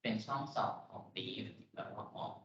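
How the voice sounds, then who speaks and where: A man's voice: unhurried, a bit bright. A man with a Thai accent teaching English pronunciation in a lecture, patiently explaining and repeating words. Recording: echoey room, dull lo-fi audio.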